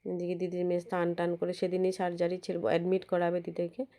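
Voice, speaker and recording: A woman narrating a home vlog as a casual voice-over. Her voice is hoarse and cracked from a cold, and she rambles and restarts her words. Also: lowish voice, monotone, fast, warm tone. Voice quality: husky, cracked voice. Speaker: vlogger narrating her visit. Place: indoors, voice-over recorded at home. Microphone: phone.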